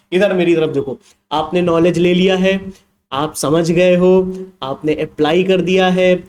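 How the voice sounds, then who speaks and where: A young man teaching an online exam revision class, lively and teasing, checking often whether the students follow. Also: high voice. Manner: lively, teasing, mixes Hindi with English terms, asks students questions. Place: indoors with a laptop.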